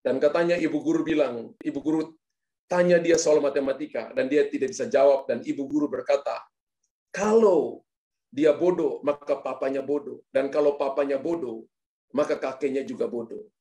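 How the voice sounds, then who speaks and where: A man's voice: mid-range voice, normal speed, mellow, close to an everyday voice. A pastor voicing an indignant father who lectures his son and challenges the teacher, in a sermon story.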